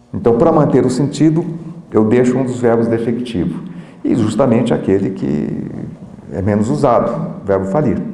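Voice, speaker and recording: A man's voice: mid-range voice, warm tone. Brazilian man lecturing in an echoey hall. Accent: Brazilian Portuguese. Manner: explanatory, checks in with the audience. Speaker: linguistics professor. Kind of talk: university lecture.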